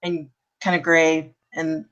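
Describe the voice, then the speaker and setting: A woman's voice: low-pitched, monotone, takes it slowly, fairly bright tone, smooth, lo-fi sound. A woman in her thirties from Canada, co-hosting a casual book club live stream, chatty and rambling, with self-deprecating asides. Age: 30s.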